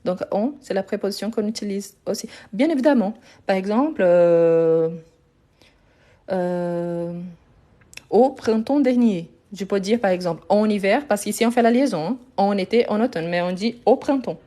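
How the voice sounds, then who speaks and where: Mellow-voiced woman teaching French grammar. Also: mid-range voice, animated, moderate pace. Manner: patient, explains step by step, often checks with "ok?". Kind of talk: live online grammar lesson.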